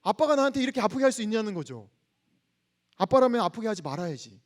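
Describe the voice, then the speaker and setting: Guy preaching at campus chapel, pretty high voice, goes soft and hushed telling a story. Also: big pitch swings, fast talker. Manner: leads the congregation in reading scripture, asks questions back. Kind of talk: sermon.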